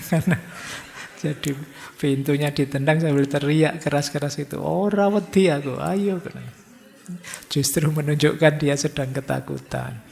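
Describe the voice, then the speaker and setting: A man's voice: a little high, creaky. A man giving a conversational religious philosophy lecture in a mosque hall. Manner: conversational, acts out quoted students. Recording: long hall reverb.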